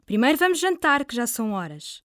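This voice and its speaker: Brief: gentle mother, played by a woman, European Portuguese accent, lively high voice, dry studio sound. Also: brisk, no echo. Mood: motherly. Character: caring mother talking to her son. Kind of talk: scripted dialogue for a listening test.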